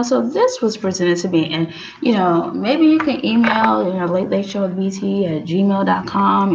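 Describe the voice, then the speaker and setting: A woman's voice: mid-range voice, vocal fry, dull audio, slight background noise. A woman hosting her own show, talking in a rambling, casual monologue full of restarts and "you know"s.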